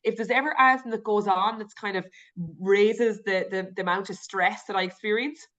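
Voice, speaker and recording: A woman's voice: medium pitch, fairly even intonation, a little fast, fairly bright tone, lo-fi sound. A woman with an Irish accent, a podcast guest talking candidly and reflectively, with frequent restarts and fillers. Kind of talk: candid conversational interview.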